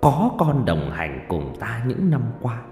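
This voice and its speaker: A man voicing a gentle, dying old male sorcerer master who talks slowly and weakly, in a storybook narration. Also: medium pitch, wildly swooping pitch, exaggerated voice. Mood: tender. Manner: slow, weak and drawn-out speech. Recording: roomy reverb with faint music.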